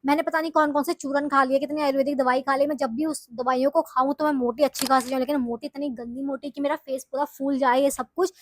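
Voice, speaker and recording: A woman's voice: high-pitched, steady tone, quick pace, hardly any pauses, no echo. A young woman from the hills of northern India telling her story to viewers in a chatty, confessional way. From Uttarakhand hills, India. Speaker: vlogger. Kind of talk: casual storytelling to camera.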